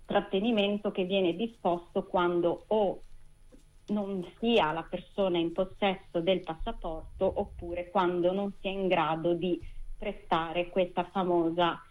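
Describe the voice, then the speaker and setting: Lady lawyer on a thin tinny phone line, lowish flat voice, careful and exact. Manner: measured, precise legal phrasing. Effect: speaking over a phone line. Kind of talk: radio interview guest, legal analysis.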